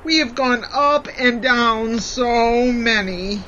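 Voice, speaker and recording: A woman's voice: on the high side, slow pace, fairly bright tone. A woman voicing an earnest, urgent sled dog leading the team in a children's audio drama. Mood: determined. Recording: dull recording with faint background noise.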